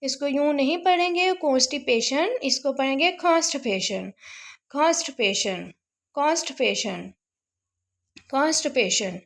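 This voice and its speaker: A woman teaching English vocabulary, repeating each word slowly and drawing out its pronunciation. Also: high voice, creaky. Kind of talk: casual spoken vocabulary lesson.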